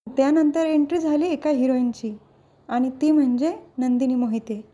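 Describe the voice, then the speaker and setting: A woman retelling a television serial episode in a steady storytelling way, reading out the characters' lines. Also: sits high, normal speed. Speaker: serial recap narrator. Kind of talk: storytelling recap.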